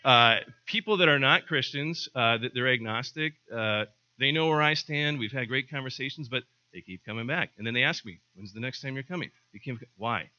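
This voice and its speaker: Man, pastor, very bright tone, chatty sermon, slightly dull lo-fi recording. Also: medium pitch, moderate pace. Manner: conversational, repeats words, acts out little dialogues.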